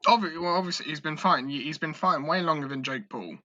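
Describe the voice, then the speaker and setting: A man co-hosting a podcast in casual chat, stammering, swearing and getting excited. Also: a little high, fast talker, dry recording, dull audio. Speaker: podcast co-host.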